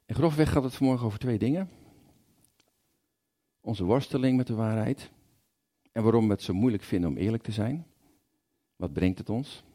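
A man's voice: lowish voice, normal speed, long pauses, mellow. A man giving a conversational sermon, informal and thinking aloud, often repeating words as he goes. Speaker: preacher.

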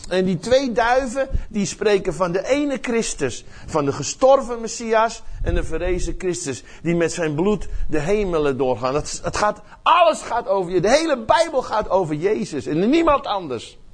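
An older man preaching a sermon with passion, swinging from loud outbursts to hushed words and often repeating words as he searches for phrasing. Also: sits high, sing-song, normal speed, few pauses. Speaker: pastor.

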